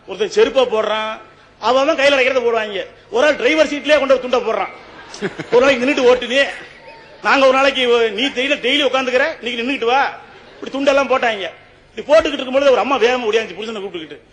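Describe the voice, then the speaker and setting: A man with a strikingly high voice delivers a humorous debate speech from a stage. His lines carry a long reverb tail from a big hall, with faint noise underneath. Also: fairly bright tone. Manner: humorous, rhetorical, often addresses the judge.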